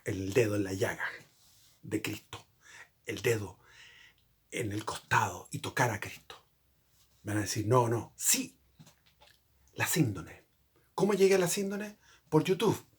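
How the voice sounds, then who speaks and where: A man with a husky, somewhat breathy voice speaks at an ordinary middle pitch. He explains a religious subject in an earnest, unscripted way, wandering off on tangents and often correcting himself mid-thought. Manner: rambling, with frequent restarts and self-corrections. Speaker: channel host.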